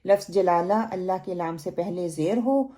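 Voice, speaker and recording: A woman's voice: lowish voice, warm tone. A woman teaching Quran pronunciation in a recorded lesson, explaining patiently and drawing out words to demonstrate them. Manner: slow, patient explanation with drawn-out demonstrated recitation.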